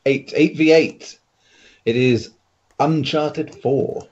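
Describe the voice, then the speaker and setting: A man's voice: medium pitch, slow, a little mellow, dull audio. A man hosting a casual panel debate, joking and laughing often as he teases the guests. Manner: jokey, laughs often, teasing. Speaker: podcast host chairing a panel.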